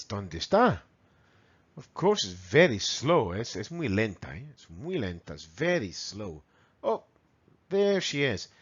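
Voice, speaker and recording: A man with a Spanish accent from Spain teaching English vocabulary to children, repeating words slowly and mimicking animal sounds. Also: mid-range voice, muffled recording. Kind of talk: bilingual vocabulary lesson.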